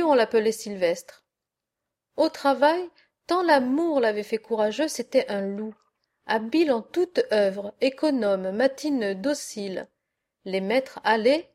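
Woman reading a sweet young farm girl pleading with her dad, telling a story, highish voice. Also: a little mellow, close to an everyday voice. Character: gentle young peasant sister telling a sad tale.

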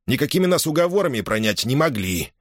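A man's voice: medium pitch, sing-song, fast, no echo, studio quality, pitched above the performer's own voice. Man playing a hot-tempered Cossack soldier. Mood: boastful. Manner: heated, boastful, threatening.

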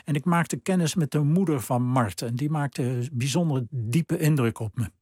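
An older man, an author, talking about his childhood and reading aloud from his own book on the radio, calm and reflective. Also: medium pitch, normal speed, breathy edge, no echo, studio quality. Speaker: author guest.

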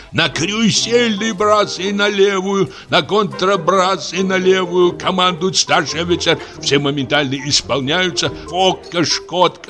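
A man voicing a pompous, hard-of-hearing old retired navy captain who barks ship's commands in an audiobook play. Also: fairly bright tone. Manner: booming sea commands, mishears everything.

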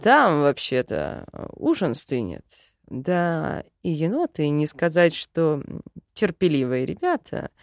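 Woman playing a loud sarcastic male jinn. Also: low-pitched, huge pitch swings, slow pace, gravelly, no echo, clean studio sound, pitched below the performer's own voice, heavily acted. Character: sardonic male jinn, wry and blunt.

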